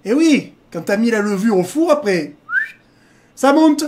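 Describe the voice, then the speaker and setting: A man's voice: sits high, very animated, normal speed, darkish tone, slight background noise. A man hosting a casual reaction video with crude jokes, frequent laughter and rambling asides that turn serious. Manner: crude joking, laughs often; digressive, drifts between jokes and serious remarks.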